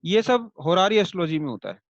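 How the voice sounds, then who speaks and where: A man with a high-pitched voice teaches an online astrology class in a chatty way. He checks in with rhetorical questions and makes his points through homely comparisons. The recording is dry and a little dull and lo-fi. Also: very animated, quick pace, no room sound. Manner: conversational, with rhetorical check-ins to students; explains by everyday comparisons and light jokes.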